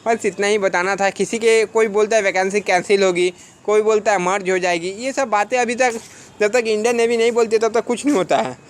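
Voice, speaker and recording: High-voiced man giving earnest advice. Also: fairly even intonation, brisk, clean tone. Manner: earnest, exhorting, rhetorical questions. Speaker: defence exam coaching teacher. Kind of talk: casual advice vlog to students.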